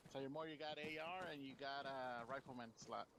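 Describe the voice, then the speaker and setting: A man's voice: medium pitch, brisk, a bit bright. A man acting as team leader in a military game, casually organizing his squad over voice chat. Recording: game voice chat with faint noise.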